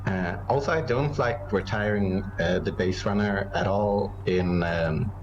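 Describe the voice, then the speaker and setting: Low-voiced man casting, noisy stream. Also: unhurried, lo-fi sound. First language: not English. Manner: rambling, many fillers, laughs often. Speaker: co-caster and player. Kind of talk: casual game commentary.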